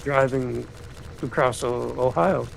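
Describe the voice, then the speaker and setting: A man's voice: medium pitch, steady tone, takes it slowly, gravelly, a little hiss or hum, rough recording. A man hosting a casual spiritual chat, rambling with many restarts and trailing off.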